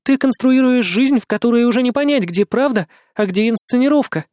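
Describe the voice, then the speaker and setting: A man reading an audiobook voices a frightened young woman TV colleague, raising his voice high and tense. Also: fairly quick, darkish tone, dry recording, studio quality. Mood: earnest. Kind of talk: audiobook character voice.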